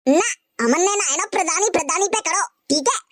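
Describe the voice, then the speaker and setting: A woman's voice: expressive, a little fast, fairly bright tone, dry recording, clean studio sound. Woman voicing a grumbling village husband. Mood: scolding. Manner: scolding, squeaky sped-up cartoon voice.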